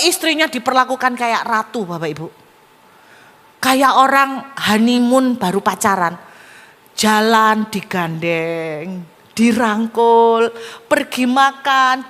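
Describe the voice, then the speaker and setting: A woman pastor preaching a sermon, telling stories that swing between emphatic and hushed, in a church hall with a long reverb. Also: fairly high pitch, lively intonation, slow pace.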